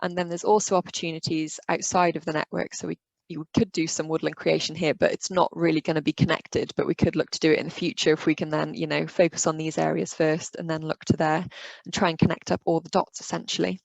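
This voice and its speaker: A woman working as a biodiversity officer walks through her slides in an easygoing webinar talk, with plenty of "um" and "you know." Her voice is croaky and gravelly, and her pitch stays flat. The recording is dry and close. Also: fast talker, no echo, poor audio. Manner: relaxed, conversational, with frequent "um" and "you know". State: voice going croaky.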